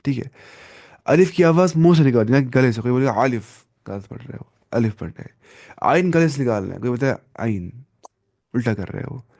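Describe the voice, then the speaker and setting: A man's voice: mid-range voice, lively intonation, creaky, a little mellow, no room sound. A man teaches Quran recitation rules in an online lesson. He often poses a question to his students and answers it himself, slipping in English terms. His mid-range voice is recorded close and dry, with no room sound.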